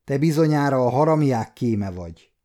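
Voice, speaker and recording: A man voicing a gruff castle gate guard who shouts threats at a stranger, in an audiobook. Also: mid-range voice, lively intonation, lightly acted. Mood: hostile.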